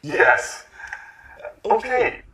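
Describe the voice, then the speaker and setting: An actor playing a friendly young man, speaking slow, clear lesson dialogue. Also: high voice, sing-song, bright, forceful tone, far from the mic, exaggerated voice. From United States. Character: young American man moving into a shared flat. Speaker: new flatmate in a lesson dialogue. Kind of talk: scripted language-lesson dialogue. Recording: echoey room, off-mic.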